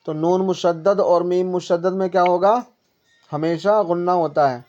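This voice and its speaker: A woman's voice: lowish voice, fairly even intonation, warm tone, faint music behind. Patient woman teacher, lo-fi recording. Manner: patient, repetitive explaining with questions; stretches out syllables to demonstrate. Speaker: Quran reading teacher. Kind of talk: one-on-one tajweed lesson. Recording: dull lo-fi recording.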